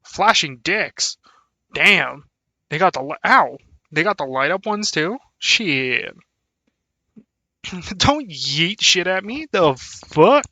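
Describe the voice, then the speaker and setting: Bright, chatty young male streamer. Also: on the high side, very animated, slow pace, pauses often, no echo. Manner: chatty, laughs often, thanks viewers warmly. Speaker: VTuber streamer. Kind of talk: casual live-stream chat.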